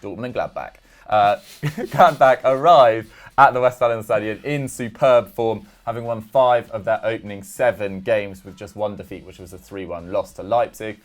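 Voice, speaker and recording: Chatty young man, low voice. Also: normal speed. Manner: chatty, stats-heavy, self-deprecating. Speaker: football podcast host. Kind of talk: casual football chat.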